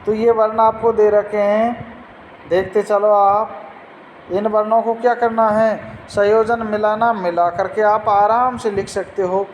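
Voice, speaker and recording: A man's voice: high-pitched, level tone, measured pace, in a large hall, muffled recording, a little hiss or hum. A man teaching a Sanskrit lesson, patiently explaining words and asking pupils questions.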